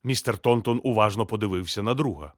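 A man narrating a children's storybook in a steady, measured, gently expressive reading. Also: lowish voice, no echo, clean studio sound.

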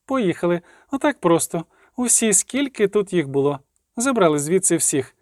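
A man reading aloud and voicing a quick, chattering young girl. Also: high voice, very animated, darkish tone, no room sound, clean studio sound, pitched above the performer's own voice. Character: young girl, brisk, hiding her fear.

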